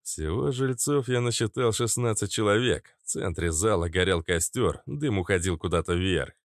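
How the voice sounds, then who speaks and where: A male narrator reading an audiobook with a lively, varied pitch. The recording is close and dry, with no room sound. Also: moderate pace, no echo.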